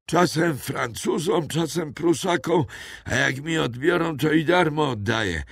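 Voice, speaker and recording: A man's voice: a little high, unhurried, gravelly, no room sound, studio quality, voice pushed up. A man reading an audiobook, voicing a rambling old male French poacher with a raised, strained old voice and a grumbling, folksy way of talking. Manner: grumbling, rambling folk philosophy. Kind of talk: audiobook character voice.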